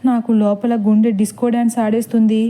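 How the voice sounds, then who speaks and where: Woman voicing sarcastic young man, sighing, fairly high, dark mellow tone, storybook. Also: level tone, brisk, close to an everyday voice. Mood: nervous. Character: wry, reluctant young man, a brother-in-law.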